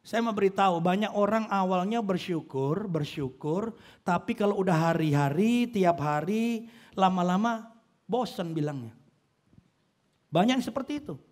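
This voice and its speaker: A man's voice: high-pitched, moderate pace. A male pastor preaching a sermon in a joking, conversational way, acting out the voices of the people he talks about. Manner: animated, acts out quoted voices of churchgoers.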